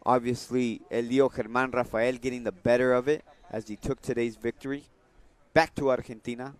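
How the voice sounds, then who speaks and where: Medium-pitched man giving casual boxing commentary. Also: flat delivery, normal speed. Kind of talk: casual unscripted fight analysis.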